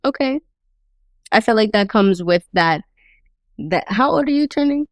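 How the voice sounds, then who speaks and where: A woman's voice: a little high, animated, measured pace, dry recording, clean studio sound. A woman in her late twenties co-hosting a casual podcast, chatty and playful with slang. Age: 20s. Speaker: podcast co-host. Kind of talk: casual chat.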